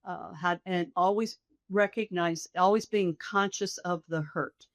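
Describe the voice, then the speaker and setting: Here a middle-aged hospice nurse practitioner and author, appearing as a guest, talks in a low, steady voice at a slightly slow pace. Earnest and instructive, she reflects aloud and quotes her own self-talk to make points. The studio-quality audio carries no room sound.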